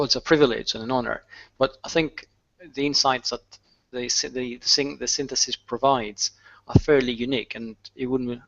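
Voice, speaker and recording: A man's voice: medium pitch, a bit bright. A man joins a panel over a video call, working through his ideas with ums and restarts. His voice sits in an ordinary middle register. The sound is muffled and lo-fi. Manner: thoughtful, with frequent ums and restarts. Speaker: panel guest.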